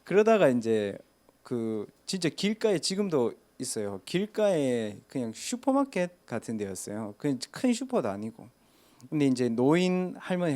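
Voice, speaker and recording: A man's voice: mid-range voice, a little mellow. A man, a pastor telling a story in a casual sermon and asking listeners rhetorical questions. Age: 30s.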